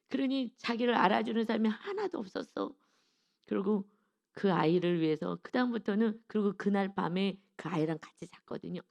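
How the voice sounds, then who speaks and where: A woman giving an early morning sermon, telling a personal story with lively storytelling and acting out her own prayers. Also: medium pitch, gravelly. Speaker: preacher.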